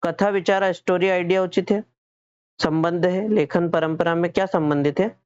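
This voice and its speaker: A man's voice: sits high, steady tone, normal speed, clean tone, dull audio. A male teacher with a Hindi accent, explaining exam questions step by step, asking questions and answering them himself, often repeating and correcting his own words. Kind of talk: exam-prep lesson.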